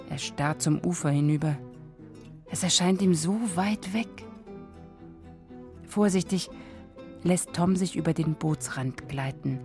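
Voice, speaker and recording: A woman narrating a scripted radio drama for children in a calm, measured storytelling manner. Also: sits low.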